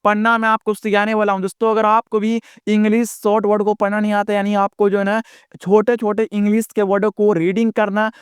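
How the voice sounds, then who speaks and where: High-voiced man teaching phonics. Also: flat delivery, smooth, no room sound, studio quality. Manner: repetitive, keeps addressing viewers as friends; slow, drawn-out letter-by-letter explaining. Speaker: English teacher. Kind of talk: online lesson.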